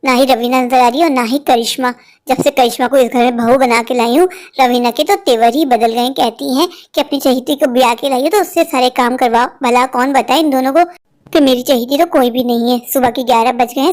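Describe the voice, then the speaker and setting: A sharp-tongued older mother-in-law, as a woman voices her in an animated family story. Her high-pitched voice keeps scolding and complaining. She shouts for her daughters-in-law and grumbles about them. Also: brisk, lightly acted. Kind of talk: cartoon voice acting.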